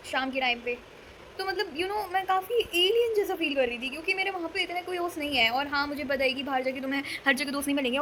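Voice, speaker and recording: Young woman, high-pitched voice, chatty vlog, dramatic, mixes in English words, faint background noise. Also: a bit bright. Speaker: vlogger. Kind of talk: casual chat to camera.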